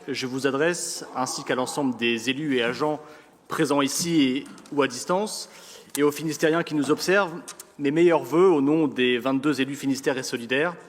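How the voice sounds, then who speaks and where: A man with a French accent from France reads a formal political speech as an elected councillor, in a measured, rhetorical manner with deliberate pauses. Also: a little high. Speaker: elected local councillor giving an opening speech. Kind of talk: formal political speech read from prepared text. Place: large council chamber. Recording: reverberant hall sound.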